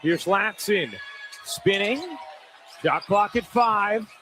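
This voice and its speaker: A man calling a televised basketball game from courtside as play-by-play commentator, brisk and measured. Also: high voice, animated, noisy background. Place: courtside at an arena.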